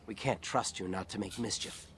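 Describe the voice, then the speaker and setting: A man's voice: low voice, moderate pace, slight background noise, natural voice. A man voicing a haughty young elf hunter in a fantasy video game, sneering and contemptuous. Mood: scornful.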